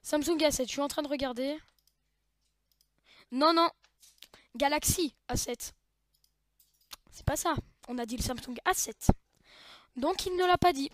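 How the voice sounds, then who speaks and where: A woman's voice: high-pitched, measured pace, long pauses, no echo. A woman hosting a casual home-made news show, chatty with frequent restarts. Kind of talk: casual improvised show talk.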